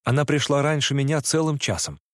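A man narrating a story in the first person, reading in a measured, reflective way. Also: mid-range voice, expressive, no room sound, studio quality. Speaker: audiobook narrator.

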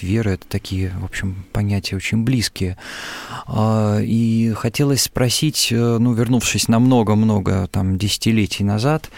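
A male interviewer asking questions hesitantly, full of fillers and pauses. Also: on the low side, vocal fry, a little mellow.

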